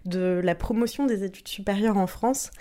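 A woman interviewing for a podcast, asking short questions in a calm, brief manner. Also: medium pitch, moderate pace.

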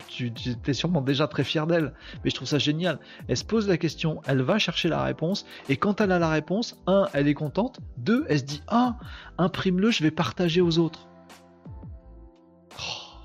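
A man hosting a casual live stream, reading viewer comments and chatting in an animated way. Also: on the high side, dull audio.

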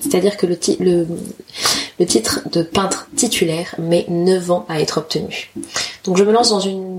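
Female podcaster, 30, slightly low register, informal and self-deprecating, gropes for words. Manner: candid, self-deprecating, slangy. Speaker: podcast host, photographer. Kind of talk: casual solo podcast monologue.

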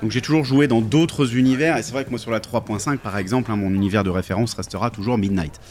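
Low-voiced man, hesitant and thoughtful. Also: quick pace, darkish tone. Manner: thoughtful, hesitant with many fillers. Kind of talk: casual chat about tabletop games.

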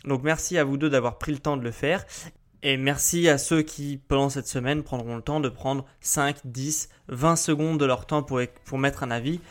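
A man hosting a solo podcast in a relaxed, rambling way, with many hesitations and fillers. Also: medium pitch, normal speed. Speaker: podcast host. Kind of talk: casual solo podcast talk.

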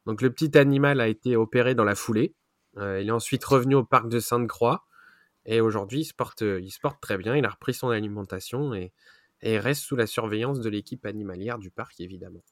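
A man presenting a zoo news roundup on a podcast, often pausing with fillers and correcting himself. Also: lowish voice, no room sound, studio quality. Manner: frequent hesitations and self-corrections.

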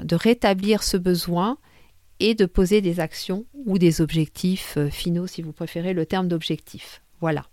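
A woman's voice: fairly low pitch, a little mellow, no room sound, clean studio sound. A woman hosting a podcast, explaining a method in a casual, conversational way with frequent fillers and self-corrections. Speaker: podcast host.

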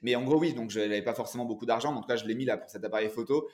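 Energetic man in his forties. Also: medium pitch, rapid-fire. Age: 40s. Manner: energetic, animated storyteller. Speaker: guest entrepreneur and coach. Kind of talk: casual interview chat.

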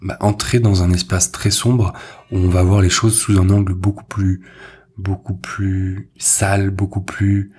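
Low husky podcast host. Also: male voice, level tone, a little slow, darkish tone. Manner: informal, addresses listener directly with fillers. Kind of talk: solo podcast talk.

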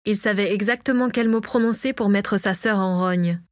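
A woman narrating a storybook chapter in a steady scripted reading. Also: medium pitch, normal speed, no room sound, studio quality. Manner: reads all characters herself, lightly varying her voice. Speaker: audiobook narrator.

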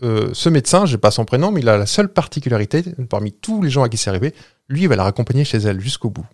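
A man's voice: medium pitch, very animated, very fast, a little mellow, dry recording, clean studio sound. A man telling a spooky story in a casual, joking podcast chat, with frequent hesitations. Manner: tells a ghost story with jokes and hesitations.

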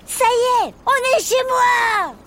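A woman voicing a cheerful young boy hermit crab in a children's story, excited and chatty. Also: high-pitched, normal speed, vocal fry, noisy background, voice pushed up. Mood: overjoyed.

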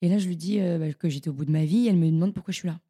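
A young woman, a podcast guest, telling her stories in a casual, animated and slangy way. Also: on the low side, rapid-fire. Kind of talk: casual storytelling interview.

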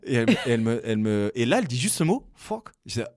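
A young man hosting a casual chat, telling stories in an animated way and mimicking English words. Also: medium pitch, very fast, no room sound, clean studio sound. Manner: animated storytelling with laughs and imitated English. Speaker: host.

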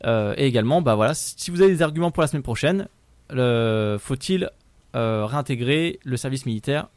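A man's voice: medium pitch, animated, a little fast, darkish tone, dry recording. A man hosting a radio show in a studio, chatting loosely and filling gaps with hesitations. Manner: loose, hesitant, lots of fillers. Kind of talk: casual radio talk.

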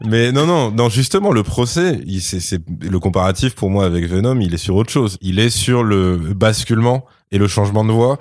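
A man with a fairly low voice chats in a wry, sarcastic way as a podcast co-host. The sound is close and dry, with no room around it. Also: animated, normal speed, hardly any pauses, a little mellow, no echo. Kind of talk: casual critical chat.

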